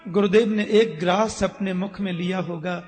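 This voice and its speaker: A man's voice: high-pitched, fairly even intonation, normal speed, a little mellow. A man telling a devotional story as a sermon, acting out the characters expressively. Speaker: religious storyteller. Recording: echoey hall with faint music.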